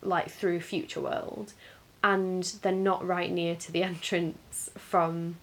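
A woman's voice: lowish voice, flat delivery, slow pace. A woman, co-hosting a podcast in casual chat, talking chattily and acting out little quotes. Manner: chatty, restarts sentences, acts out quotes. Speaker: podcast co-host.

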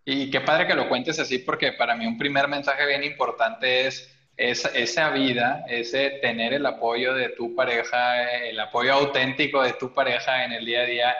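A man's voice: mid-range voice, fairly even intonation, normal speed, pushed and bright. A man hosting a casual interview, encouraging his guest and reacting with short affirmations. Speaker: podcast host. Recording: muffled, echoey room.

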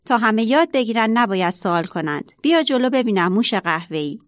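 A woman's voice: fairly high pitch, expressive, no echo, close to an everyday voice. A woman voicing a pompous, bad-tempered lion king in a children's story, roaring and bossy. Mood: angry.

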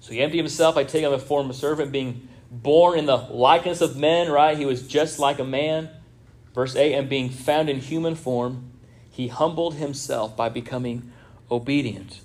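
A man's voice: a little high, fairly even intonation, normal speed, a little mellow. A man preaching a sermon in a church, conversational, with many rhetorical asides to the congregation. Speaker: pastor.

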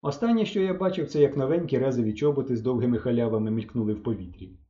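A man reading a children's audiobook aloud with lively storytelling. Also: medium pitch, rapid-fire, roomy sound, highs cut off, a little hiss or hum. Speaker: audiobook narrator.

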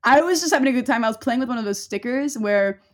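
A woman's voice: on the high side, expressive, fast. A young adult woman telling a personal story in casual chat, rambling with many fillers and breaking off into laughter.

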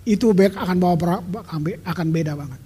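A man's voice: high voice, fast, dark tone, husky. A middle-aged man preaching a sermon as pastor, talking emphatically and conversationally and dropping in English phrases. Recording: long reverb of a large hall.

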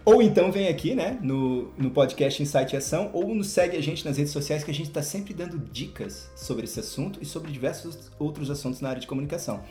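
A man's voice: fairly high pitch, expressive, brisk, few pauses, dark tone, soft background music. A man hosting a casual podcast, explaining things in an upbeat way and drawing out key words. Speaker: podcast host. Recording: roomy echo.

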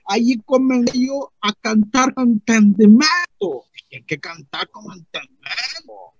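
A man putting on Simplicio, a gravelly rambling rustic. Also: extremely high pitch, lively intonation, measured pace, no room sound, highs cut off, full character voice. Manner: rambling, repeats "mire", acts out voices. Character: naive rustic churchgoing man, rambling storyteller. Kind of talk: comic character monologue.

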